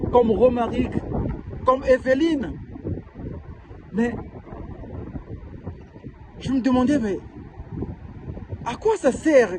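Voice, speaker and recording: A man's voice: very high-pitched, noisy background. A man from Brazzaville with a Congolese French accent, an author giving a passionate personal testimony full of rhetorical questions. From Republic of the Congo (Brazzaville).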